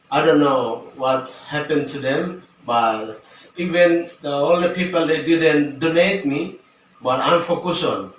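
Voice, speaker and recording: A man gives a prepared talk in English, halting and full of fillers, at an unhurried pace. He sits some distance from the microphone in a very reverberant room, with a faint hiss behind him. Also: medium pitch, a bit bright. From Papua, Indonesia. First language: Western Dani. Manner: halting, with frequent fillers and broken phrasing. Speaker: dictionary writer and language activist. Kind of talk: prepared talk for an online event. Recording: roomy, far-off mic with faint noise.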